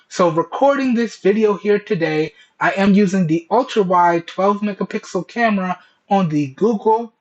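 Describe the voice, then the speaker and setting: Man talking through a muffled Bluetooth earbud mic. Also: sits high. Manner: chatty, keeps checking in with "okay?" and "all right?". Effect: voice captured through Bluetooth earbud microphones. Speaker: tech reviewer. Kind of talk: casual product review to camera. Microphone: wireless earbuds.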